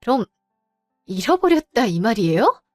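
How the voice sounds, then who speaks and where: A woman's voice: on the high side, very animated, no echo, clean studio sound, soft background music. A woman playing a wronged daughter-in-law who speaks politely but firmly to her in-laws. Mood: pleading. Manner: polite but firm, measured.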